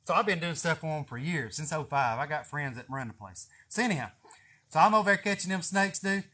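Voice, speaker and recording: In a greenhouse garden, a snake catcher from East Tennessee chats on a live video, telling rambling, folksy, foul-mouthed stories with a chuckle. His slightly high voice is brisk, lively, pushed, and bright.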